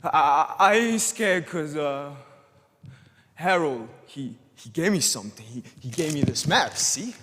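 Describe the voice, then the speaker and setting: A man's voice: a little high, expressive, a little slow, a bit bright, slight background noise. A young man performing a stage monologue as a sheltered, stammering man who breaks free and turns defiant. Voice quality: stammering, repeats words. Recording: reverberant hall.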